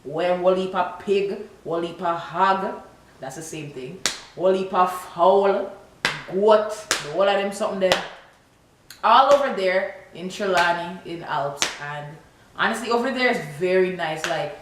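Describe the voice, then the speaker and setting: A young Toronto woman with a lowish, slightly slow voice talks casually and animatedly to camera as a vlogger, answering tag questions. Her Canadian accent slides into Jamaican Patois. The room is very echoey, with hiss in the background.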